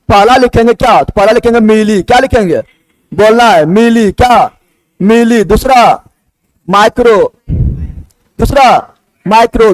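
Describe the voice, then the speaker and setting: A man's voice: high voice, dry recording, low-quality recording. A man teaching a class, asking the same question again and again and answering it himself. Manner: drilling students with repeated questions. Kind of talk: classroom lecture.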